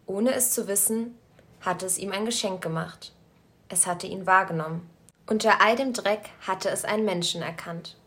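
A woman narrating a story aloud in a calm, measured storytelling voice. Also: medium pitch. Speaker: story reader.

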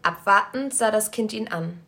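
Woman reading a story aloud calmly. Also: mid-range voice. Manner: calm, measured storytelling. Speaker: story reader. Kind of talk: scripted storytelling narration.

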